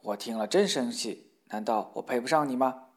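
A man's voice: medium pitch, moderate pace, lightly acted. A ragged wandering minstrel from a fairy tale, blunt and matter-of-fact with his wife, as a man plays him. He talks close to the narrator's own everyday voice. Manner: plain, blunt.

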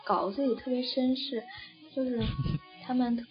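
A young Chinese woman is interviewed in a casual chat, rambling along with lots of fillers and false starts. Her voice is fairly high with fairly flat intonation at a normal pace. The audio is dull and lo-fi, with faint music behind her.

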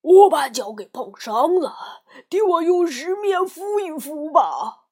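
A woman voicing a sly, hungry male wolf who pretends to be a mother goat, calling out loudly in a wheedling sing-song. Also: very high-pitched, big pitch swings, takes it slowly, voice pushed up, exaggerated voice. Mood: demanding. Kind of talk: children's story reading.

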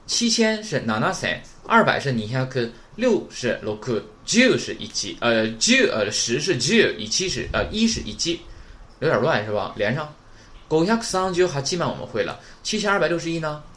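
A man's voice: a little high, very animated, moderate pace, fairly bright tone. A man teaching beginners Japanese numbers in a recorded lesson, drilling each word and constantly checking in with "right?".

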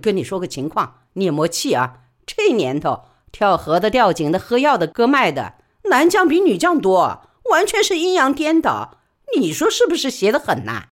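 A woman storyteller voicing a loud, coarse and boastful middle-aged female porter in a Wuhan dialect. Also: mid-range voice, wildly swooping pitch, normal speed, voice pushed up. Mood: hearty.

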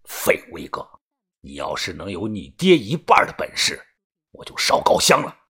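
A man voicing a gruff, ruthless old tomb-raider boss in a low, husky mutter. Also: wildly swooping pitch, normal speed, fairly bright tone, heavily acted. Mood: scornful.

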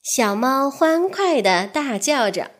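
A woman reading a bedtime-style children's story, unhurried and clear. Her high voice swings widely up and down to keep the tale lively. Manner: slow, expressive, storybook cadence.

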